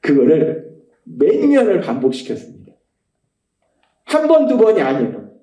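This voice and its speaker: Middle-aged man, pastor, preaching with emphatic passion, high lively pitch, mellow tone. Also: moderate pace, highs cut off. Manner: emphatic, swings between rising passion and hushed quoting. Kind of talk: sermon. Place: church sanctuary. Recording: echoey church hall.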